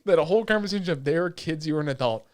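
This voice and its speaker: Male podcast co-host, slightly higher voice, animated and profane, jumps into character voices mid-sentence. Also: very fast. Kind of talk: casual chat.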